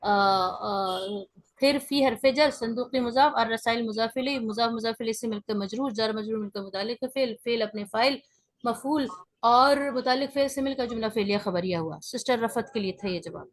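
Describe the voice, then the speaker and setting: A woman teaching a beginners' grammar class online, explaining step by step and often checking in with her students. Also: on the high side.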